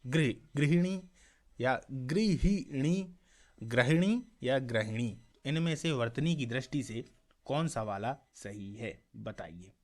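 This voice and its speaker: A man teaching a mock exam class, reading each question and its options aloud, repeating them, asking viewers for the answer and often checking "clear?". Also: medium pitch, lively intonation, a little slow. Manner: checks understanding with a frequent "clear?"; addresses viewers as friends.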